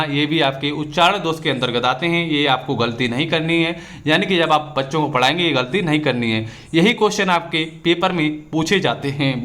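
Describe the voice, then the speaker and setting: A man's voice: a little high, bright, forceful tone. A young man, teaching an exam-prep lesson and explaining each point with everyday examples.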